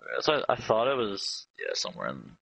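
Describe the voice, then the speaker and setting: A man's voice: fairly low pitch, wildly swooping pitch, brisk, gravelly, fairly bright tone, breathy edge, no room sound. A man co-hosting a casual podcast, rambling with lots of fillers and questioning lilts. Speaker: podcast co-host. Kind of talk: casual chat. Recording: dry, dull lo-fi mic.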